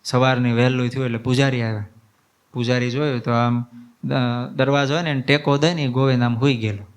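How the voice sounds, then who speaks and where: A man, a monk preaching a devotional sermon as a lively folksy story. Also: mid-range voice, fairly quick, smooth.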